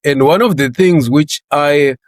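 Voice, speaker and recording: A man from Zimbabwe in his sixties, talking about his career in a relaxed interview, laughing often and repeating words as he gets going. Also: on the high side, measured pace, dry recording. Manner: chatty, laughs often, repeats words when starting sentences. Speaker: interview guest.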